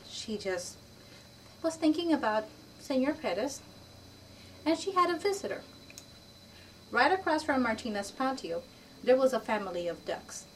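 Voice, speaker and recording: A woman telling a children's story aloud, lively and animated, playing each character. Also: a little high. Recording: distant mic with faint background noise.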